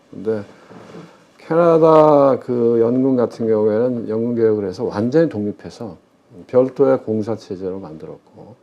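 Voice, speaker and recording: A medium-pitched, dark-toned male voice belongs to a middle-aged former pension fund CIO speaking as an expert guest. In this conversational interview on public finance, he is emphatic and habitually answers his own questions. The recording sounds slightly muffled.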